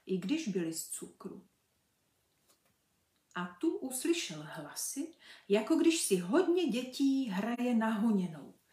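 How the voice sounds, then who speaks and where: A woman reading a children's book aloud in a lively, expressive way. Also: medium pitch. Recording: echoey room.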